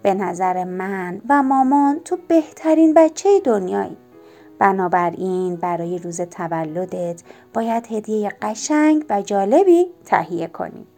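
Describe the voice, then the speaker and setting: A woman voicing a gentle, patient father who speaks softly and coaxingly to his young son. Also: mid-range voice, expressive, soft background music, close to an everyday voice. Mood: tender. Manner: soft, coaxing and kindly.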